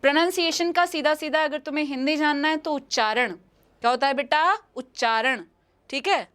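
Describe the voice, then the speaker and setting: High-voiced Indian woman teaching English. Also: moderate pace, fairly bright tone. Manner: repeats questions and answers, calls students "beta". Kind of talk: live online exam-prep lesson.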